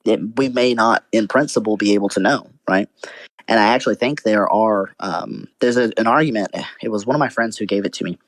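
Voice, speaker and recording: A young man with a low-pitched voice, arguing a philosophical point in a casual online debate. He thinks aloud, stumbling through restarts and fillers as he goes. The sound is dry and close, with no room around it. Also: fairly quick, no echo.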